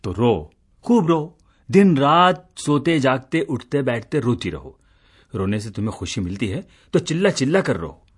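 A teasing, exasperated husband. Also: male voice, on the low side, sing-song, fast, a little mellow, breathy edge, full character voice. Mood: mocking. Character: teasing middle-aged husband, tired office worker. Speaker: radio drama actor. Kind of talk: radio play acting.

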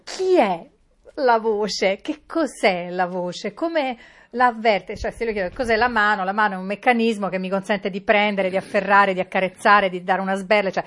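A woman's voice: mid-range voice, moderate pace, fairly bright tone. A woman interviewing an old actor, politely laying out her questions at length.

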